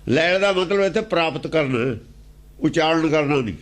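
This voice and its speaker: His voice is on the high side and a bit bright, animated yet at a normal speed. The Punjabi-accented religious teacher explains scripture, returning to key phrases and asking rhetorical questions.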